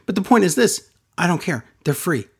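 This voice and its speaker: A man hosting a podcast in casual chat, pitching perks to listeners in a playful, salesy way. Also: big pitch swings, fairly quick, gravelly, husky. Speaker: podcast host.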